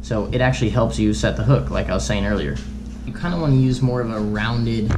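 Sitting at a table in his small bedroom, a young man in his twenties shows off fishing knots for his vlog, his easygoing talk full of "like" and "you know." The camera sits close in front of him, and his lowish, slightly quick voice plays over music.

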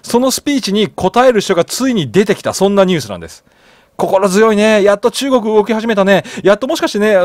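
A man's voice: high voice, no echo. A man hosting a solo news commentary channel, reading articles aloud and chatting about them with frequent fillers and tag questions.

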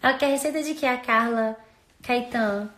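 A woman's voice: on the high side, normal speed, fairly bright tone. A woman chatting casually into her phone as an influencer, rambling and playful. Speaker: social media influencer. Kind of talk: casual phone stories chat. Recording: roomy echo.

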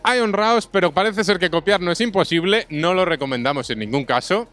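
A man's voice: high voice, brisk, fairly bright tone, faint music behind. A young man hosting a casual street interview outdoors on a busy city street, speaking into a handheld microphone in an upbeat, chatty way. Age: young adult.

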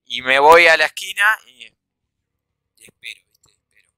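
A young man with a Rioplatense accent tells a comic story with a very bright, tense voice that swings widely in pitch. He slips into quoted voices and shouts, pitched a little high for a man, and the sound is dry and close to the mic. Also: lively intonation, measured pace, clean tone, no room sound, poor audio. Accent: Rioplatense Spanish. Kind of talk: animated comedic storytelling.

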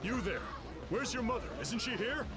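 A man's voice: very high-pitched, expressive, normal speed, over loud music. A man playing an urgent, commanding air raid warden in an anime game. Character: urgent male air raid warden herding civilians to shelter. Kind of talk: anime video game dub acting.

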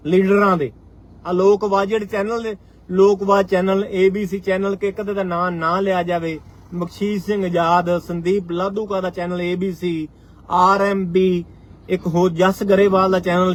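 A man in his forties with a Punjabi accent, giving a fiery live-stream address as a farmers' union leader and driving his points home with repeated rhetorical lines. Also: high-pitched. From Punjab, India. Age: 40s.

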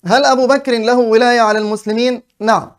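A man with a strikingly high voice presses his point in a heated religious debate. He talks quickly in formal phrasing and keeps demanding an answer over and over. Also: steady tone, clean tone.

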